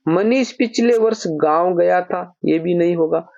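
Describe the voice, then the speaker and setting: In a dull lo-fi recording, a man with a high, gravelly, darkish voice speaks unhurriedly through a grammar lesson for exam prep. He addresses listeners as brother, explains things patiently, and dictates sample sentences one word at a time.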